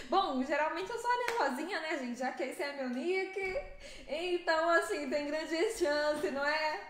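A young Brazilian woman streaming a driving game, chatting with viewers in a lively, fast way and laughing often. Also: high-pitched, roomy sound, a little hiss or hum. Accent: Brazilian Portuguese. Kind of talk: live stream chat with viewers.

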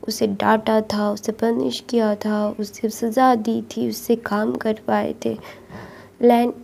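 A woman casually retelling a long story in a soft, chatty way. Her voice is dark and gravelly, with a flat, even pitch. She strings the plot together with the same linking phrases again and again.

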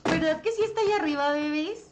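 A young Mexican woman livestreaming a game, chatting with viewers and reacting excitedly. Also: very high voice, fast talker. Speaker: livestream gamer. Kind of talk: live game stream chat. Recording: loud game noise behind.

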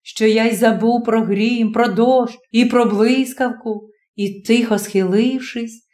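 A woman narrating a classic story as an audiobook, expressive and dramatic. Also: fairly high pitch, slow pace. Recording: roomy echo.

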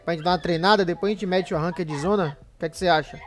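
A man's voice: high voice, fairly even intonation, racing. Slangy young Bahian gamer guy, music behind. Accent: Bahian Brazilian. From Bahia, Brazil. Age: young adult. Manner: informal, slangy, addressing viewers as buddies. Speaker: gaming YouTuber. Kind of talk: casual gamer vlog chat. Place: small home gaming room. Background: background music.

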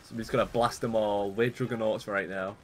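Playing a video game, a young gaming YouTuber keeps up a fairly quick, chatty stream of rambling talk in a lowish voice. He gets excited when the game goes badly.

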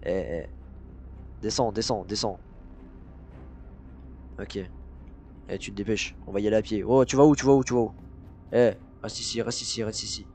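A smug, scheming youtuber barks orders and threats in fast casual slang, played by a man in a Minecraft role-play. His voice sits low. Faint music plays behind. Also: steady tone, darkish tone, natural voice. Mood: bossy. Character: scheming male youtuber framing a friend.

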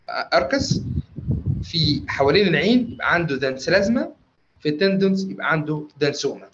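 A man with an Egyptian Arabic accent giving a medical lecture, quickly quizzing his listeners with questions and answering them himself. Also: on the high side, fairly bright tone, lo-fi sound, slight background noise.

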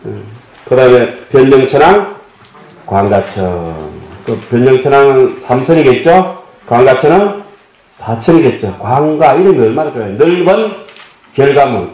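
A man's voice: medium pitch, expressive, moderate pace, a little mellow. A man giving a Buddhist dharma lecture, explaining terms and asking his listeners questions with folksy humor. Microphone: table microphone. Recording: dull echoey hall audio.

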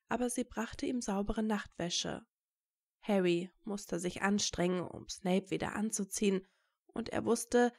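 A woman reading fan fiction aloud as narrator, telling the story in a steady, even way. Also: mid-range voice, gravelly.

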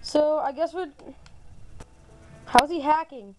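A woman giving casual, excitable gameplay commentary as a gaming channel host, repeating herself playfully. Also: high voice, takes it slowly, poor audio.

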